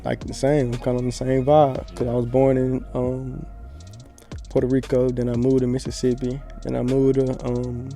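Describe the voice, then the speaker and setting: A man chats as a podcast guest. He has a mellow, warm voice and a laid-back, slangy, rambling way of telling stories. Soft music plays faintly behind him. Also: medium pitch, monotone, normal speed, gravelly. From Pensacola, Florida. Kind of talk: casual podcast chat.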